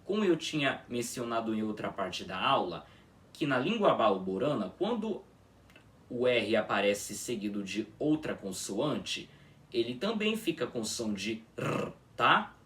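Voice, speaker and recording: A man teaching a pronunciation lesson, demonstrating each sound slowly and checking in with his students. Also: mid-range voice, big pitch swings, fairly bright tone, recorded from a distance. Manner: drawn-out patient demonstrations, frequent "tá?" checks. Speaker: language teacher.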